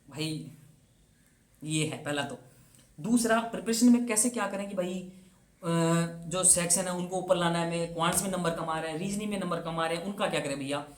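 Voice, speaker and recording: A man's voice: fairly high pitch, a bit bright. A young man giving a casual, earnest motivational talk to exam aspirants. He talks chattily, drops English words into his speech, and keeps repeating his advice to push the point. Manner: earnest, urging and repetitive. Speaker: banking exam coach. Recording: roomy echo.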